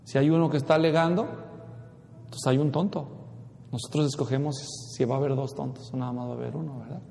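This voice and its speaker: A man's voice: medium pitch, fairly even intonation, fast talker, creaky, dark tone, slight background noise. A man preaching a sermon as a pastor, asking the congregation questions and shifting his pace as he goes. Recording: echoey hall with long reverb.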